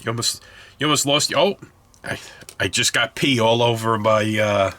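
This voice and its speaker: At normal speed, a man with a mid-range voice sounds bright and forceful. He's stuffed up and congested, and in a casual hobby tutorial he chats about his scale model build, going off on tangents and correcting himself.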